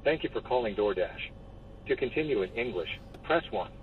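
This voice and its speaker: A man's voice on a recorded phone menu message, reading automated prompts in an even, measured way. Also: on the low side, far from the mic, a little hiss or hum. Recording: tinny phone line from a speaker.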